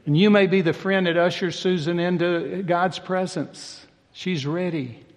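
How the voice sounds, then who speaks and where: An older man delivers a sermon from the pulpit, his voice sitting a little higher than most men's. He preaches in a folksy, conversational way, and the sound rings with the long reverb of a big hall. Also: fairly even intonation, a little slow. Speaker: pastor.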